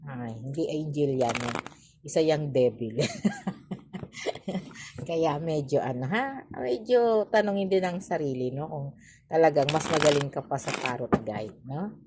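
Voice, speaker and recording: A woman's voice: sits low, moderate pace, background noise. A woman with a Filipino accent giving a casual tarot reading, chatty, with frequent tag questions and sarcastic asides. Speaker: tarot reader.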